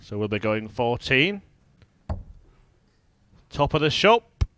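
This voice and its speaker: A man giving live darts commentary in measured, analytical short observations. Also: mid-range voice, big pitch swings, fairly bright tone, a little hiss or hum.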